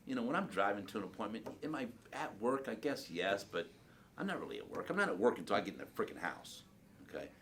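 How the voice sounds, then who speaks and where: A man's voice: on the low side, sing-song, fast, background noise. A man giving a blunt, profane sales training talk to a group in a training room.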